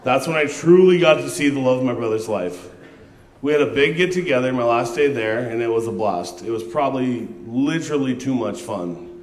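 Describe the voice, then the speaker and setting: A man's voice: mid-range voice, expressive, fairly quick. A young man giving a best man toast at a wedding, reading jokes and tributes from his phone with a handheld microphone. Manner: reads from his phone, laughing through jokes. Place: large hall at a wedding reception. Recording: echoey reception hall.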